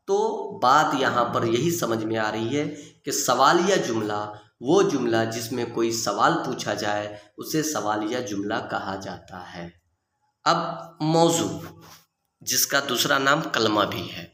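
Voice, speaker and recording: A man's voice: mid-range voice, fairly bright tone, reverberant. A man teaching a recorded grammar lesson, explaining patiently, repeating key points and asking and answering his own questions. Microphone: video lesson mic.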